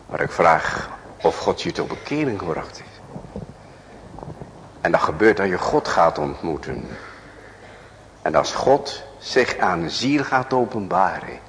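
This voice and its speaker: A male pastor preaching a sermon in a church, swinging from loud cries to hushed whispers and asking many rhetorical questions. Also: deep voice, expressive, a little slow, pauses often, long reverb tail, slight background noise.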